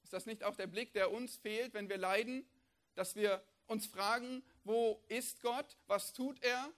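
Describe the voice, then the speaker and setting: A man preaching a sermon, emphatic and full of rhetorical questions, swinging between loud declarations and hushed lines. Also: high voice, fairly even intonation, measured pace.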